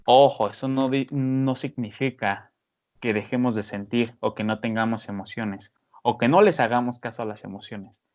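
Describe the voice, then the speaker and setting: A man talks through stress advice in a loose, animated podcast style, full of fillers. His voice sits in a middle register. The recording is dull and lo-fi. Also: mid-range voice, normal speed. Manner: animated, many fillers, acts out scolding voices. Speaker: podcast panelist. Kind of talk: casual podcast advice talk. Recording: dull lo-fi sound.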